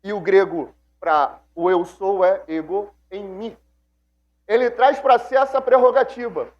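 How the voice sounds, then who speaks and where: A man's voice: high-pitched, fairly even intonation, a little slow, a little mellow, muffled recording. A man teaching a Bible class like a sermon, acting out quoted speech and asking the class questions.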